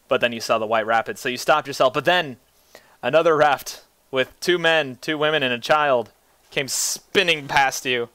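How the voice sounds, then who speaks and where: A man's voice: medium pitch, moderate pace, bright, forceful tone, clean tone, no echo. A man casually narrating a tabletop game as game master, with a wry, teasing manner.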